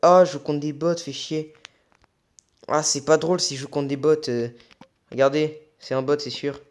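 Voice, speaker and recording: A man doing casual gameplay commentary as an excitable, raging gamer who swears. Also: on the high side, moderate pace. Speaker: gaming video creator.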